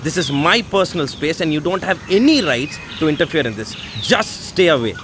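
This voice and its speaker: A man's voice: deep voice, sing-song, drawn-out words, noisy background, full character voice. A man playing a defiant young man who tells his father to back off, speaking English.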